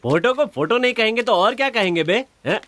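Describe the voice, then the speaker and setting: An actor playing a stern middle-aged village elder who gruffly shoos people away, in a Hindi film dub. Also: male voice, high-pitched, expressive, a little fast, fairly bright tone, a little hiss or hum.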